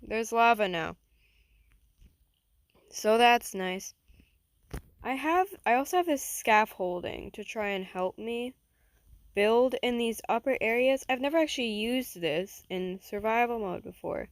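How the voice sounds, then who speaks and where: Woman gaming vlogger, chatty and rambling, slow-paced delivery, dry close recording. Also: on the high side, expressive, dry recording. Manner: chatty, rambling, thinks aloud. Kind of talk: casual gameplay commentary.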